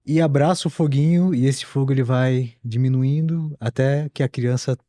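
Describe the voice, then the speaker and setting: Mellow-voiced man hosting a podcast. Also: mid-range voice, normal speed, dry recording, clean studio sound. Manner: relaxed storytelling with fillers and restarts. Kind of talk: casual podcast chat.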